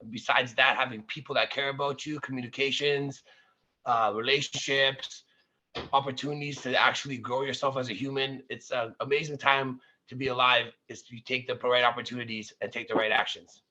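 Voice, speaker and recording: A man's voice: mid-range voice, fairly even intonation, a little fast, pushed and bright, poor audio. A man speaking as a guest at an online networking event, earnest and motivational, heard over a video call whose connection keeps freezing.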